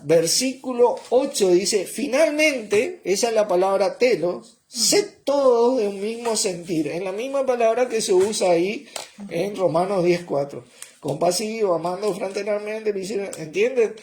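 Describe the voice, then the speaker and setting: A man preaching a sermon in a slow, explanatory way, often checking on his listeners with a quick "¿eh?" or "¿mm?". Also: high-pitched, darkish tone, a little hiss or hum.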